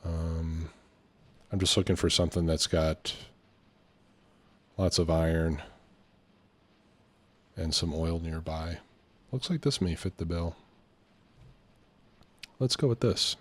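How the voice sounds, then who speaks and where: A gaming video host getting over a cold hosts a casual let's play, his voice slightly stuffy and congested. He sits low in pitch, speaks slowly, and pauses often while hesitantly thinking aloud.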